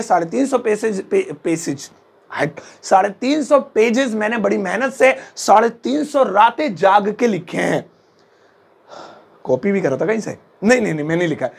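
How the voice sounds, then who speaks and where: A young man teaching English phrases in a playful, joking way, slowly drawing out his example sentences. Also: high voice, creaky. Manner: joking, drawn-out example phrases, chatty asides. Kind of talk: playful Hindi English lesson.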